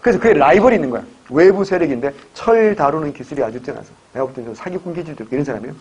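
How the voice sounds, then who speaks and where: A man's voice: a little high, lively intonation, racing, a little mellow, slightly rough, dull audio. A man teaching history for exam prep, telling jokey stories and firing rhetorical questions at his students. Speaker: history lecturer.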